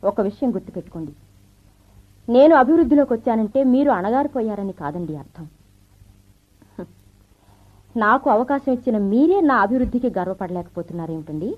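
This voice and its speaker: An actress playing a confident career wife and officer in an old radio show, brisk and teasing, with the thin sound of a vintage radio broadcast. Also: female voice, fairly high pitch, animated, narrow, tinny audio. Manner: brisk, self-assured, teasing speech with light laughs. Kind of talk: 1970s radio drama acting.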